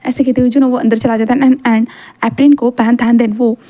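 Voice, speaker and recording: A woman narrating a romance story in an easy, conversational manner, full of small fillers. Her voice is fairly high but mellow and warm. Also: fairly even intonation, brisk. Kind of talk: reading fan fiction aloud.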